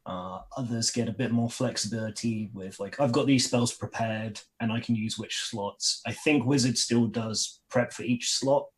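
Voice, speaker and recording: A man with a husky voice, talking casually as a player in a tabletop game. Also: medium pitch, normal speed, few pauses.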